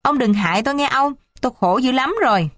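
A woman's voice: sits high, animated, fast talker, fairly bright tone, no echo, studio quality, pitched above the performer's own voice. A woman voicing a tired middle-aged mother who pleads with and reproaches her family. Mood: reproachful.

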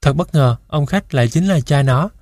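A man reading a first-person children's story aloud in a steady, measured way into a close mic. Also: a little high, no room sound. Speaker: audiobook narrator.

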